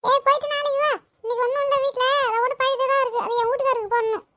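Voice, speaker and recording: Cartoon mother, shrill and snappy, quick delivery, done by the lead voice. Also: steady tone, sharp tone. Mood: whiny.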